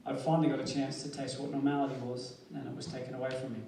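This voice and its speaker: A man's voice: medium pitch, monotone, racing, mellow. An Australian man giving a motivational speech, telling his life story earnestly with bits of humor. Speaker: motivational speaker. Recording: echoey hall, distant mic, noisy.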